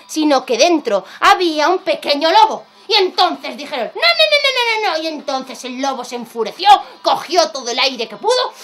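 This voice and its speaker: A woman telling a children's story with animated, playful delivery and sudden speed-ups. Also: high-pitched.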